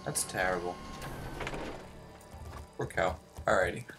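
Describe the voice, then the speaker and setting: A man's voice: deep voice, slow, creaky. A man hosting a gaming video with casual, rambling commentary and joking asides. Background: game music.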